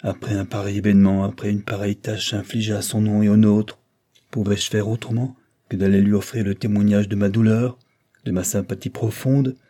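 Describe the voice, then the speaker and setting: A man's voice: fairly low pitch, level tone, brisk, warm tone, lightly acted. A man reading an audiobook plays a stern older aristocrat, the count, who lectures and reproaches in a severe tone. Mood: reproachful.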